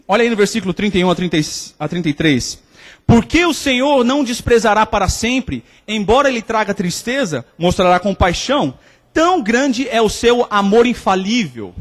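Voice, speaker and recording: A man preaching a sermon, telling stories and acting out the quoted voices. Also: high-pitched. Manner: lively storytelling, acts out quotes. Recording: long hall reverb.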